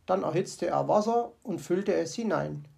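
A woman narrating a children's story in a calm, measured way. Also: lowish voice, creaky.

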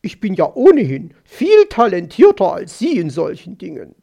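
A man voicing a haughty, quarrelsome female magpie in an audiobook, shrill and snappish. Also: huge pitch swings, normal speed, creaky, mellow, full character voice. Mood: boastful. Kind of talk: audiobook character voice.

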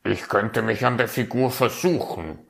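A man voicing a helpful male raven craftsman in a storybook tale, brisk and croaking. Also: fairly low pitch, voice pushed up.

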